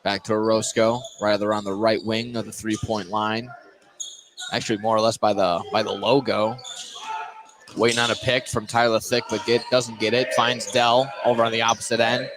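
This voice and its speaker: In a lowish, flat voice at moderate speed, a play-by-play man commentates a basketball game on radio from within the gymnasium. The broadcast is noisy, with the basketball bouncing and the game going on around him.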